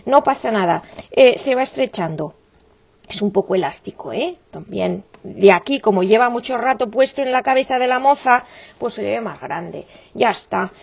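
A woman's voice: high voice, vocal fry, dull audio. A woman, teaching a crochet tutorial in a chatty, affectionate way full of exclamations and diminutives.

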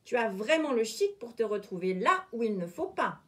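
A cheeky storybook boy who can fly, sure of himself and quick to give orders, as a woman reading aloud plays him. His voice rises and falls in lively swings. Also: a little high.

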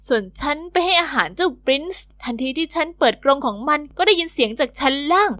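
A woman narrating a first-person animated diary story in a bubbly, expressive teen-girl manner. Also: high voice, fast.

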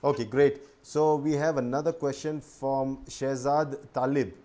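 A man's voice: medium pitch, fairly even intonation, unhurried, crowd noise. A man hosting a video-call interview, reading out viewer questions with joking asides. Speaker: host. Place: indoor room with bookshelves.

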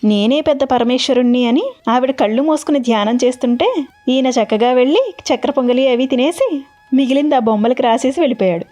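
A woman retelling a devotional story in an animated, expressive way. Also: high voice, brisk.

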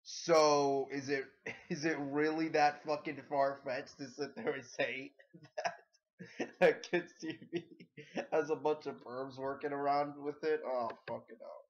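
A man's voice: a little high, steady tone, a little slow, muffled recording. A man hosting a reaction livestream, exasperated, swearing often and laughing in disbelief. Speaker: livestream host.

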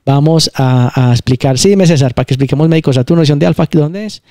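Emphatic man, mellow dry voice. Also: fairly high pitch, fast talker, no room sound. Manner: emphatic, repetitive explaining. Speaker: channel host. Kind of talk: casual spiritual talk.

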